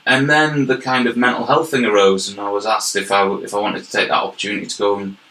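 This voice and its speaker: A young man from York, England, with a Yorkshire accent appears as a guest in a casual interview, explaining his job as a health and wellbeing manager earnestly and at length. His lowish voice is flat, quick, pushed and bright, and he often repeats words. The room sounds echoey.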